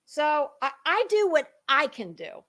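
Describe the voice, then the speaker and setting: A very animated woman with a high-pitched, pushed and bright voice performs a casual, dramatic monologue in online-commentator style. She stops and starts for emphasis, pausing on purpose and repeating words along the way.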